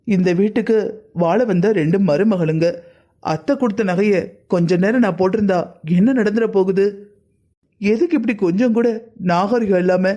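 A woman's voice: medium pitch, dark tone, close to an everyday voice. A performer voicing a young married woman, an elder sister, who complains hurt and pleading in a cartoon family drama. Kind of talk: cartoon voice acting.

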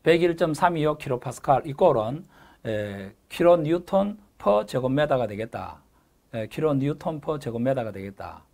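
A middle-aged man giving a recorded exam-prep lecture, repeating key terms, filling pauses with a drawn-out "에" and checking in with "그죠?" after each point. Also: mid-range voice, lively intonation, vocal fry, a little mellow. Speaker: lecturer for a gas engineering exam course.

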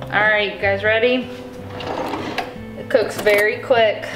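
A woman's voice: mid-range voice, fairly even intonation, takes it slowly, echoey room, loud music behind the voice. A woman cooking at home, casually explaining her recipe step by step as she goes. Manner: explains steps plainly and chattily. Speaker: home cook.

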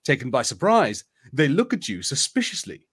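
A man hosts a casual live gamebook stream with a very lively, swooping delivery. He moves between relaxed chat and expressive reading aloud, at a middling pitch. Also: moderate pace, slightly rough.

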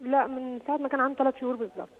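High-voiced Egyptian mother on a phone line. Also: flat delivery, racing. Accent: Egyptian Arabic. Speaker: caller, mother. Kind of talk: phone-in question. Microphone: telephone.

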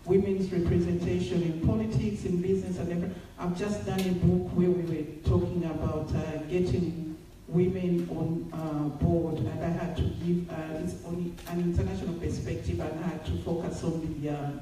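A woman from Zambia gives a measured, hesitant talk as a panel speaker at a women's forum, recorded from the audience in a large hotel function room. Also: fairly low pitch, little pitch movement, warm tone, faint music behind. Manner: measured, hesitant with many fillers. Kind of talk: public speech at an event. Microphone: far phone camera in the audience. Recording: echoey hall heard from far off.

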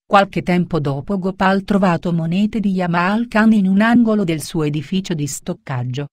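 A woman reading a storybook tale aloud at a steady pace. Her voice sits low and sounds dry and close, with no room around it. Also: normal speed, no echo. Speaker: narrator. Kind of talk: storybook narration.

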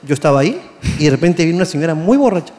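A man, co-hosting a comedy podcast with quick quips and short agreeing replies. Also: fairly high pitch, very animated, darkish tone, long reverb tail. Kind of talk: comic banter.

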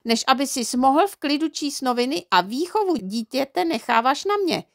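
Rozhořčená, přísná maminka se zvýšeným, ostrým hlasem, která hubuje a vyčítá, jak ji předčítá žena v audioknize. Hlas je posazený výš a hlasitěji, se zrnitým chrapotem, nahraný suše a zblízka. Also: female voice, lively intonation, vocal fry, no room sound, studio quality. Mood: angry, scolding. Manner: scolding, shrill and emphatic. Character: stern, indignant mother of a small boy. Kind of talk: audiobook character reading.

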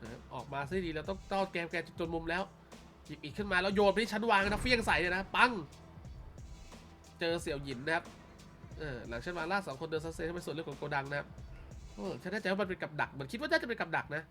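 A high, bright-toned man from Thailand talks through a mobile game in a relaxed, chatty way. He keeps padding his sentences with polite fillers as he reads the story out. Faint game music runs underneath. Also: fast. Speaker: game YouTuber and commentator. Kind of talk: casual gameplay commentary and story reading.

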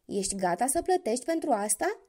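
A cunning young hunter from a children's storybook, acted out by a woman storyteller, calm and sly as he gives orders. The voice sits high and swings lively in pitch. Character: young clever male hunter posing as a healer.

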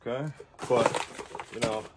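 A man talks casually while he sorts through junk in a cramped storage locker. His voice sits at a middle pitch and he half mutters to himself as he works. Loud rustling and clicking crowd the recording. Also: fairly even intonation, measured pace, very noisy. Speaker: reseller vlogger. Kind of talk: casual unboxing commentary.

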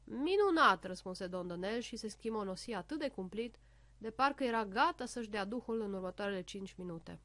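A woman reading a children's storybook aloud, with an expressive, lively delivery. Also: medium pitch, dry recording. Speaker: narrator.

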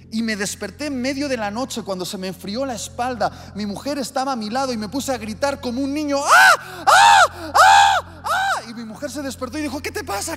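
Preacher in a reverberant hall. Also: male voice, sits high. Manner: vivid storytelling with acted-out scenes. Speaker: pastor. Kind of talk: sermon. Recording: long hall reverb with soft music.

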